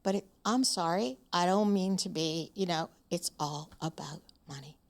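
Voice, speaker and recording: A woman's voice: lowish voice, moderate pace. Frank, emphatic woman in her seventies. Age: 70s. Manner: frank and emphatic, with hesitant fillers. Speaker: guest. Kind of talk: podcast interview.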